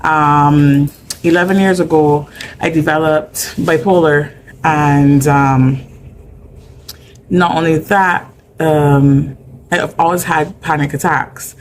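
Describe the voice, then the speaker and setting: A woman's voice: low-pitched, fairly even intonation, slow pace, slight background noise. A middle-aged woman with a Barbadian accent speaking candidly in an interview, with many fillers. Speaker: mental health advocate guest. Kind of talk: conversational interview.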